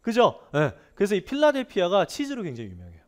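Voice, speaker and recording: Here a man delivers an animated, fast-paced grammar lesson in a slightly raised voice with wide pitch swings. He often poses rhetorical questions to the class, and key words get repeated for emphasis.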